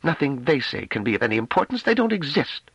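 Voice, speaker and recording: A man reading an audiobook, voicing a cold, contemptuous woman on a ruling council, with sharp, clipped delivery. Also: mid-range voice, very animated, fast talker, breathy edge, no room sound, highs cut off, voice pushed up, full character voice. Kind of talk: audiobook character voice.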